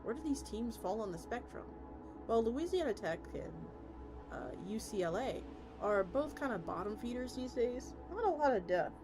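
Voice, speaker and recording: A VTuber streamer reads a story aloud with expression, her fairly high voice moving at a normal speed. She sometimes stumbles over words and restarts lines while music plays beneath her.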